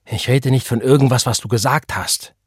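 Man voicing a defiant young woman, cold, taunting, husky, slightly raised pitch, dry close sound. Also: normal speed, no room sound, close to an everyday voice. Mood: bitter.

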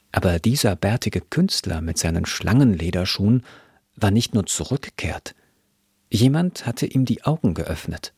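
A man reading a novel aloud in a calm, measured way. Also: fairly low pitch, husky, no echo, clean studio sound. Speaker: reader. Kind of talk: scripted literary reading.

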